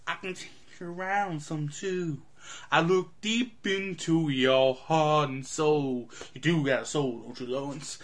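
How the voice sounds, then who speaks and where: A man singing and reciting as a sly, smooth-talking male voodoo con man villain, half singing and half drawling. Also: on the high side, a bit bright, lightly acted.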